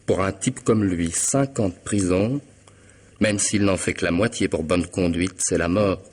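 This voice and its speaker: In a French radio mystery, an actor voices a smug, methodical middle-aged hitman who mocks and blackmails with sardonic menace. His delivery is unhurried, low-pitched and a little mellow, with formal, precise diction and theatrical irony, plus a faint hiss or hum.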